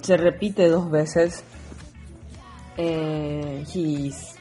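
A woman's voice: sits low, fairly even intonation, extremely slow, warm tone, soft background music. A woman teaching English and walking students through worksheet exercises with patient, step-by-step explanations that mix Spanish and English. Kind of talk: recorded classroom lesson explaining worksheet exercises.

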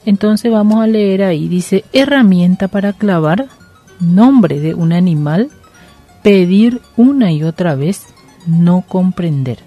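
Slow, patient woman teacher explaining a lesson. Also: lowish voice, lively intonation, muffled recording, faint music behind. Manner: patient, coaxing, repeats "¿sí?" and "entonces". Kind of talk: slow classroom lesson with a read-aloud story.

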